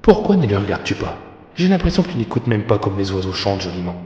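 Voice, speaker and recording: A man voicing a cunning, hungry male wolf in a fairy tale, hushed, low and drawn out when he threatens. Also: big pitch swings, quick pace, muffled recording. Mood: sly. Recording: long reverb, faint music behind.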